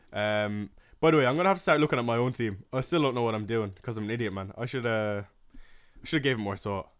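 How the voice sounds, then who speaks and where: Speaking in a medium pitch and at a brisk clip, this young man from Ireland has a Waterford accent. He runs a casual fantasy football livestream, chatting with viewers and responding to their comments with lots of fillers and gentle laughter.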